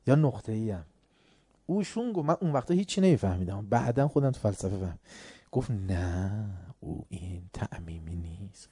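Male lecturer, story-driven and emphatic, warm mellow tone, dead-dry sound. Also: medium pitch, dry recording. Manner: storytelling, acts out dialogue, grows emphatic. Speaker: religious lecturer. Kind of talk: lecture with anecdotes.

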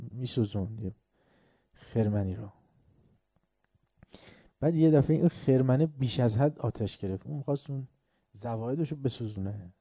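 A man's voice: medium pitch, mellow, no room sound, studio quality. A man giving a religious lecture on upbringing, emphatic and repetitive, asking rhetorical questions and acting out folk anecdotes. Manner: emphatic, repeats word lists, asks rhetorical questions.

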